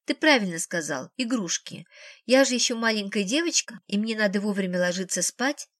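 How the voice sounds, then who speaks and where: A woman's voice: medium pitch, animated, brisk, fairly bright tone, no room sound, studio quality. A woman doing a teasing young woman.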